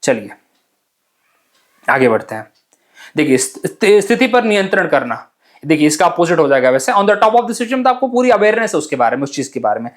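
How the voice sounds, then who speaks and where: A young man teaching exam vocabulary in a chatty, joking way, mixing Hindi and English and sometimes rushing his words. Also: on the high side, big pitch swings. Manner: talks fast at times, admits rushing words. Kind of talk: casual Hindi-English lesson.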